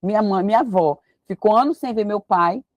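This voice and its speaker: A woman's voice: mid-range voice, fairly quick, no echo. A woman, teaching a casual Bible study and thinking aloud as she reads verses. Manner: chatty, thinks aloud while reading verses.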